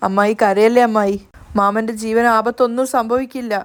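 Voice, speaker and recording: Tearful young woman, soothing, quick, read by a woman narrator. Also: fairly high pitch, steady tone, clean tone, close to an everyday voice. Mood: pleading. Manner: pleading and soothing.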